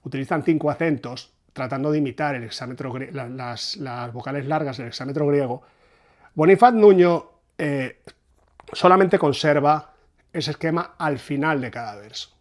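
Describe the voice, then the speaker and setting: A man from talks through poetic meter, pausing and restarting as he thinks. His voice sits a bit higher than most men's. It sounds like an unscripted explanation from a translation reviewer. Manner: thoughtful, hesitant, often restarts phrases.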